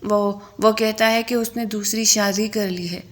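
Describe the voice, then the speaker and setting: A woman's voice: mid-range voice, fairly even intonation, lightly acted. A woman voicing a tearful, self-pitying young wife in a storybook reading. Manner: sobbing complaints.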